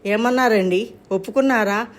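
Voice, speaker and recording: A woman's voice: on the high side, normal speed, close to an everyday voice. A woman voicing an anxious middle-aged mother who frets and exclaims in a storybook reading. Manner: fretful, exclaiming.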